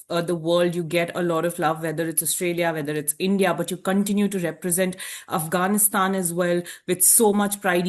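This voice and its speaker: A woman news interviewer asks long questions that wind on through several clauses, with an uh here and there. Her voice sits a little low for a woman. The delivery is broadcast-style, aimed at a guest. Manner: long, winding questions with fillers.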